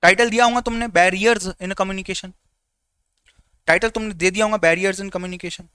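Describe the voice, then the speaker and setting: A man teaching a live online lecture in a lively, teasing way, often repeating his instructions. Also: high-pitched, normal speed, smooth, no echo.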